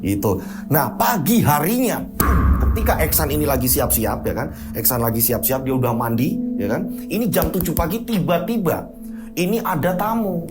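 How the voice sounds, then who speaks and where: A man's voice: on the high side, expressive, normal speed. Chatty man telling a story. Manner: chatty, repeats tag questions. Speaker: storyteller host. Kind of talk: casual spoken storytelling. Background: background music.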